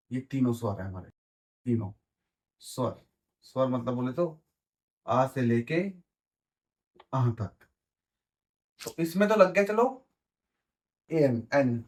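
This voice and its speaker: A man with a Hindi accent teaching English grammar, repeating words and checking that his students follow. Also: mid-range voice. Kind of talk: explaining grammar at a board.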